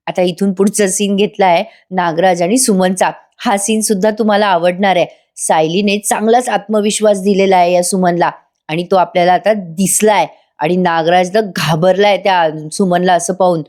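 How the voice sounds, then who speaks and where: A woman's voice: lowish voice, steady tone, moderate pace, a little mellow. Chatty woman recapping a TV episode. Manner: chatty, addresses viewers directly. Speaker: TV serial reviewer.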